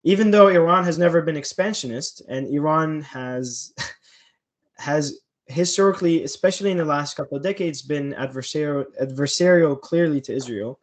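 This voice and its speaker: A man with a slightly high voice talks through a casual political podcast conversation. His delivery is dry and sarcastic, and he breaks into small chuckles as he speaks. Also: moderate pace. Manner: sarcastic, chuckling mid-sentence.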